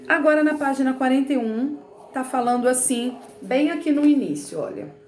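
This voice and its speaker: Expressive and high-pitched yet darkish in tone, this Carioca teacher speaks at normal speed in a reverberant space with a little hiss or hum. She's giving a remote lesson from a textbook, explaining in a chatty way and frequently saying "né" and "tá bom" to check on her students.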